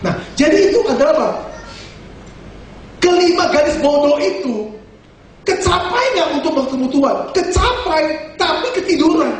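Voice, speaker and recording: A male pastor giving a lively, joking sermon full of rhetorical questions. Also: extremely high pitch, moderate pace, very echoey, recorded from a distance. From Indonesia.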